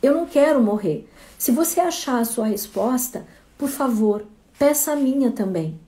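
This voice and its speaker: A woman's voice: a little high, expressive, moderate pace, dark tone, natural voice. A woman voicing a drying, dying tree that fears death, speaking plaintively in a parable. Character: withering dying tree, afraid.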